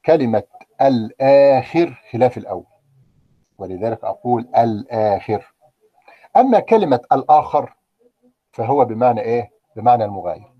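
Husky-voiced Egyptian man teaching. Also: mid-range voice, animated, moderate pace, long pauses, no echo, highs cut off. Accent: Egyptian Arabic. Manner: conversational, checks in with "okay?" and asks the class questions. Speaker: language teacher. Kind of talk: live online grammar lesson.

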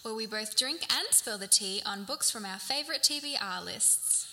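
A woman's voice: on the high side, lively intonation, moderate pace, pushed and bright. A young Australian woman in her late teens, co-hosting a casual podcast and chatting with lots of giggles and "like". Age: young adult. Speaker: podcast co-host. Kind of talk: casual chat.

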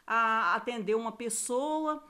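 A woman's voice: a little high, slow. A Brazilian woman co-hosting a podcast, telling a story in casual chat and acting out the voices she quotes. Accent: Brazilian Portuguese. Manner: animated, acts out quoted voices. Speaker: podcast co-host.

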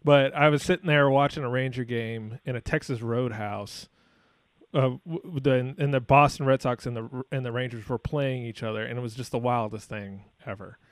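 A man in his thirties hosts a casual podcast interview, rambling and often tripping over and repeating his words. His voice sits at an ordinary middle pitch for a man. It is recorded close and dry, with no room echo. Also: steady tone, moderate pace. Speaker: podcast host.

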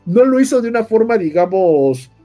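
A man's voice: high-pitched, sing-song, moderate pace, dark tone, soft background music. A man with a Mexican accent casually retelling a story in slangy, sweary speech, acting out the characters' dialogue as he goes. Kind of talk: casual, animated story recap with acted-out dialogue.

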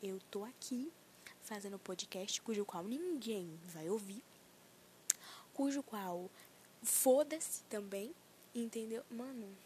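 A woman's voice: mid-range voice, animated, slow pace, warm tone, a little hiss or hum. A young woman of nineteen hosting a solo podcast, ranting in a self-mocking, profane and rambling way, anxious. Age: young adult. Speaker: podcast host.

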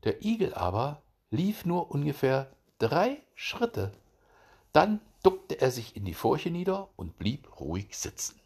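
A man reading a fairy tale aloud as narrator, measured and expressive. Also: fairly high pitch, slightly rough.

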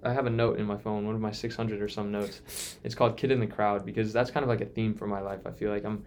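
A man's voice: fairly low pitch, flat delivery, fast, a little mellow, a little hiss or hum. A young man in his early twenties talking in a casual podcast chat, earnest and reflective, often restarting his sentences. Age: 20s. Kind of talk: casual conversation.

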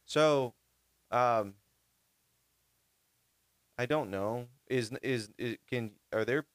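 Halting man in casual chat, dry sound. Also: mid-range voice, clear, resonant tone, no echo. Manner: halting, many restarts, blunt.

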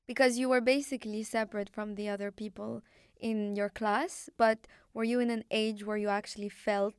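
Curious woman host from Morocco, clear voice. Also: medium pitch, level tone, normal speed, dry recording, studio quality. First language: Arabic. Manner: curious, asks long reflective questions. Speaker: podcast host. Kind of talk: interview.

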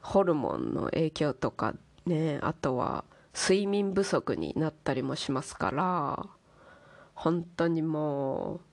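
A woman's voice: deep voice, big pitch swings, slow pace, creaky, darkish tone. A woman host chatting casually in a monologue, playfully putting on ornate, polite refined-lady speech. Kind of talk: casual monologue talk to listeners.

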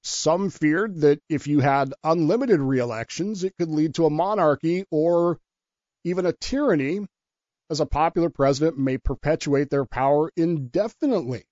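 A man's voice: a little high, moderate pace, a little mellow, no room sound, lo-fi sound. A man telling stories and explaining history as a guest on a talk radio show. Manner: storytelling, explanatory.

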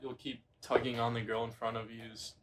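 A man's voice: medium pitch, little pitch movement, normal speed, fairly bright tone, slight background noise. A young man co-hosting a podcast in casual chat, teasing his friends and reading out the topics. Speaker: podcast co-host.

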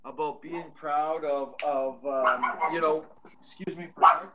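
A man's voice: fairly high pitch, steady tone, moderate pace, lo-fi sound, over a noisy crowd. A Canadian man chatting casually on a podcast, hesitant and full of ums and restarts, but blunt and profane.

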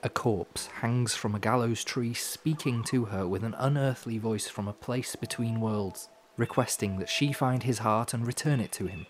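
A man hosting a podcast with scripted storytelling narration, in measured, dramatic phrasing with dry asides. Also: medium pitch. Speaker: podcast host. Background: music.

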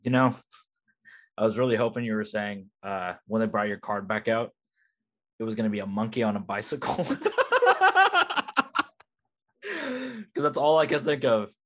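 A man's voice: on the low side, lively intonation, brisk. A man co-hosting a podcast in casual chat, playful and teasing. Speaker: podcast co-host.

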